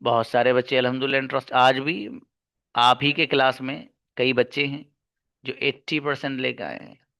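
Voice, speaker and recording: Bright-voiced male teacher lecturing emphatically. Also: mid-range voice, little pitch movement, moderate pace, no echo, studio quality. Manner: emphatic, addresses listeners as brother, switches into Arabic and English examples. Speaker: English teacher. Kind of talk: online class lecture.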